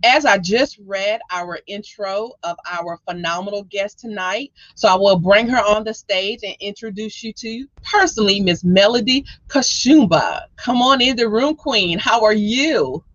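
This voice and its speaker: A woman's voice: mid-range voice, unhurried, hardly any pauses, no room sound. A woman hosting a talk show and podcast, welcoming and questioning her guest with gushing enthusiasm. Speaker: show host. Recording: dry, dull-sounding audio.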